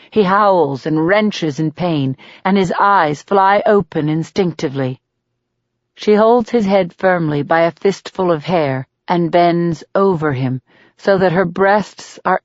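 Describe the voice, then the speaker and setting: Slow, low-voiced woman narrating. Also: no room sound, muffled recording. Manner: measured, steady and deliberate reading. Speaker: audiobook narrator. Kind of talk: scripted narration of a dark thriller.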